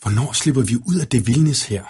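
A man's voice: mid-range voice, animated, dark tone, husky. A man voicing a determined, worried young princess in a storybook reading, speaking earnestly.

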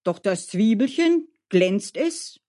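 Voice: big pitch swings, slow pace. A storyteller voicing a boisterous, hot-headed male coachman who bellows and boasts, in a storybook reading. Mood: indignant. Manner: loud and boastful, rising high in outbursts.

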